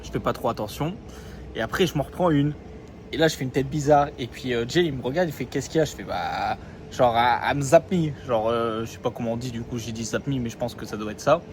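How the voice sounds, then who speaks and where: A young man from France records a casual phone vlog outdoors, rambling through his day with constant fillers and slang. His pitch sits in the middle range for a man. Traffic and city sounds are clearly heard behind him. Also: fast. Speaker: vlogger. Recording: phone vlog with street noise.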